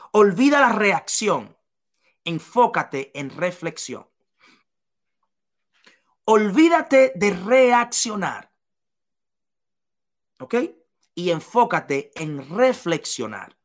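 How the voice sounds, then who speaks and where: Woman, motivational speaker, swooping animated pitch, repeats phrases for emphasis. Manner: emphatic, repeats key phrases, addresses listener directly. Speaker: motivational speaker for business leaders. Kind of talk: motivational seminar talk.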